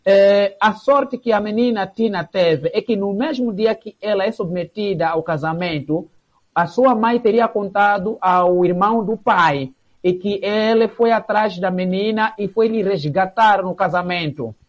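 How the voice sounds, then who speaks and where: A man's voice: high-pitched, measured pace. A man answering interview questions hesitantly, with many fillers. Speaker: theatre association member. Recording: dull lo-fi broadcast sound.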